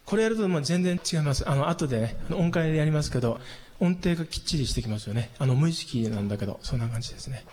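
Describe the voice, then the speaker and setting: A man teaching a singing lesson, explaining patiently and calmly, with hummed demonstrations. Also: on the high side, racing. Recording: long hall reverb.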